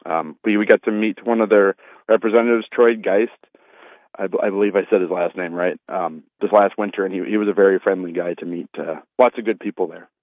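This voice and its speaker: A man joins an interview by telephone as a guest, a festival organiser who speaks earnestly and politely in a conversational way. His low voice stays fairly even in intonation and moves a little fast. The sound has no echo but comes through a thin, narrow phone line.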